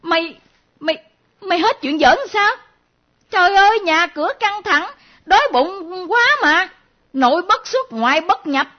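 A woman playing a fussy, excitable mother, lively and scolding. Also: a little high. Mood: exasperated. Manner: scolding, excitable, quick to alarm. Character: fussy anxious mother of the household. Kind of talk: comic stage play acting. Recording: muffled lo-fi recording.

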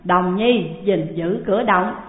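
A woman's voice: mid-range voice, a little slow, lightly acted. A woman voicing a grieving male immortal master who speaks tearfully but firmly, on a tinny, echoing recording. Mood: resolute. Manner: tearful, solemn. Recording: tinny phone-like sound, long hall echo.

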